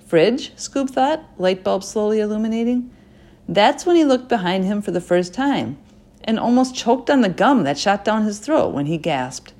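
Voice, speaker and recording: A woman narrating a children's chapter book in an expressive storytelling voice, dropping quietly into asides. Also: medium pitch, moderate pace. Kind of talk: audiobook reading.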